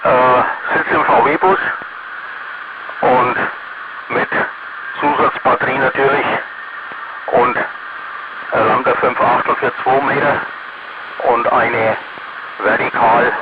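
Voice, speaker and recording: A man of average pitch speaks over a walkie-talkie with a thin, phone-like band. Loud noise runs through it. He is casual and halting, repeating himself as he reports on his station. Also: fairly even intonation. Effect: two-way radio, walkie-talkie. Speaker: amateur radio operator. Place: inside a van. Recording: very noisy, tinny mobile radio link.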